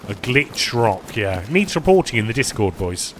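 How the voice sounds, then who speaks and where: A man's voice: mid-range voice, sing-song, normal speed, a bit bright, slight background noise. A man chatting casually to his viewers while streaming a game, rambling between topics and eating as he talks. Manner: rambling, chatty, addresses chat as "boys"; talks while eating, mouth full at times. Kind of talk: casual live-stream chat.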